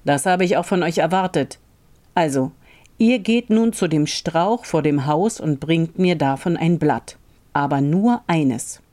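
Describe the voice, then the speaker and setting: A rich, greedy old farmer from a fairy tale, gruff with his servants and falsely sweet when cornered. A woman voices him with a dark, grumbling edge. He is scheming and sour. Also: low-pitched, a little slow.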